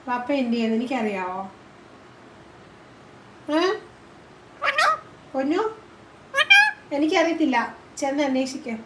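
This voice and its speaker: A woman's voice: high-pitched, animated, unhurried, long pauses, very noisy. A woman from Kerala vlogging at home, talking to her pet parrot in coaxing, cooing baby talk. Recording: echoey room.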